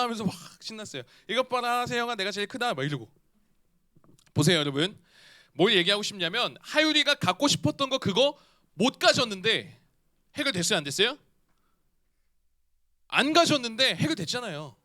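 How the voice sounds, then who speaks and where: A man in his thirties preaching a youth sermon in a church. His voice sits high and bright and swings widely in pitch. He keeps asking his young listeners questions as he talks. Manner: animated, asks the listeners questions. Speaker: youth pastor.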